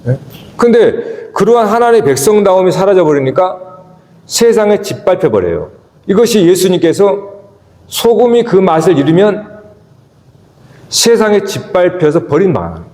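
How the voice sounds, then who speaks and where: A man preaches a sermon in a church sanctuary, his pitch sitting fairly high and moving in wide, lively swings. He keeps asking the congregation questions and drops low between emphatic peaks. The recording carries the roomy echo and long reverb of the church hall. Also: normal speed. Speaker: pastor.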